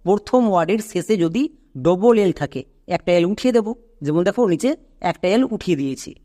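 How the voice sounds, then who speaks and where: Male tutor with a high voice, patient step-by-step delivery, spells words out letter by letter. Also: expressive, fast, warm tone. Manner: patient, repeats each letter and asks rhetorical questions. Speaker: English spelling teacher. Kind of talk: explanatory lesson, step by step.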